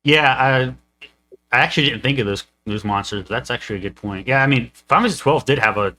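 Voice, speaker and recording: A man's voice: medium pitch, fast talker, sharp tone, poor audio. A young man co-hosting a casual podcast chat, rambling with lots of fillers and restarts. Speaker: co-host, game master.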